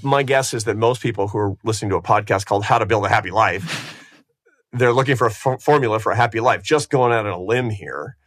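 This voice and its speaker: Fifties guy hosting a podcast, kinda low voice, emphatic and wry, soft music under it. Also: fast. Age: 50s. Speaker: podcast co-host. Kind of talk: conversational podcast interview.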